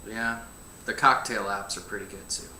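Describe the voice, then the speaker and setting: A man's voice: fairly low pitch, fairly even intonation, normal speed, bright, forceful tone. A young man chatting casually on a livestream, telling stories in an easygoing way with hesitant fillers. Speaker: band member answering fan questions. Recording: roomy with faint hum.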